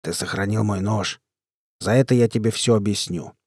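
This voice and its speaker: A curt, cold-hearted stalker who snaps his words out, as a man reads him in an audiobook. The voice is dark and husky, and the recording is dry and close. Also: fairly low pitch, normal speed, dry recording.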